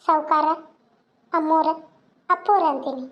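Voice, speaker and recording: A woman voicing a young orphaned wife in a cartoon, gentle and imploring. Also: sits high, a little slow, highs cut off. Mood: meek. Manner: tearful, imploring.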